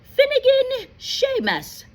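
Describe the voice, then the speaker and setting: A woman reading a storybook aloud, voicing a stern female professor who announces names loudly and drawn out. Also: extremely high pitch, wildly swooping pitch, slow, voice pushed up, exaggerated voice. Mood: calling out.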